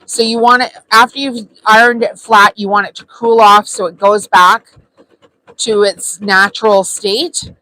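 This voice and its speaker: Woman, mid-pitched, casual live crafting-tutorial host, easygoing and chatty with filler ums. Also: unhurried, no room sound, rough recording. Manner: chatty, relaxed, frequent ums. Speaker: sewing channel host.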